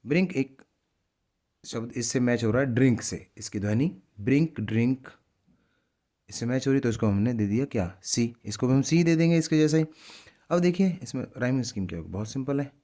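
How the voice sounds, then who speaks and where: Mellow-voiced man teaching step by step. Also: medium pitch, lively intonation. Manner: patient, repetitive, step-by-step explaining; reads English poem lines slowly and drawn-out. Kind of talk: explaining a lesson in Hindi.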